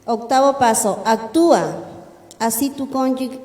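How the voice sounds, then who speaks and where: A woman's voice: on the high side, unhurried, a little mellow. A woman, the pastor's wife, earnestly teaching a congregation and quoting scripture. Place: church hall. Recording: echoey church hall with long reverb.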